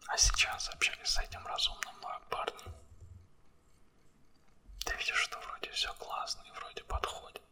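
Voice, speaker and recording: A man speaking an ASMR monologue straight to the listener in a breathy, unvoiced whisper, right in the ear and close to the mic, with blunt wording. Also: normal speed, pauses often, pushed and bright. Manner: blunt, coarse language.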